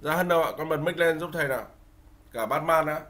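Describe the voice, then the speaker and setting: A man teaching an online English class to young children. He coaxes patiently and says English phrases slowly for them to repeat. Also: fairly high pitch, fairly bright tone. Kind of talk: online class teaching, mixing Vietnamese instructions with English drills. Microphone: video call.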